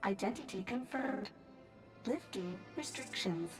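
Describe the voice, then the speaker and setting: A woman voicing a beeping little machine guardian that gives clipped, monotone system announcements. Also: medium pitch, measured pace. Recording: game audio under loud music.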